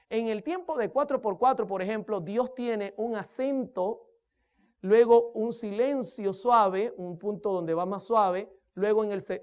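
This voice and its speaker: A woman's voice: medium pitch, a little mellow. A woman giving a sermon-style lesson on rhythm and music, speaking emphatically, asking the listeners questions and counting beats aloud. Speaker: music teacher preaching.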